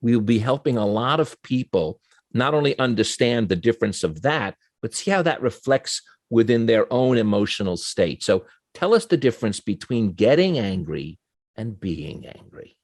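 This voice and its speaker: A man's voice: medium pitch, animated, moderate pace, darkish tone, no echo. A man with a New York accent hosting an interview, asking earnest, admiring questions. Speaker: interview host.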